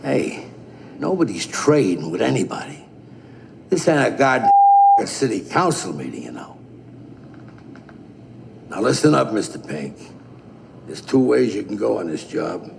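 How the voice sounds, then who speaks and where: Actor as low, gravelly, domineering crime boss. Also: male voice, big pitch swings, measured pace, pauses often, heavily acted. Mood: irritated, commanding. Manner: domineering, profane, blunt. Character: gruff, bossy older male crime boss briefing his gang. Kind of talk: crime film dialogue. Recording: noisy, long reverberant room sound.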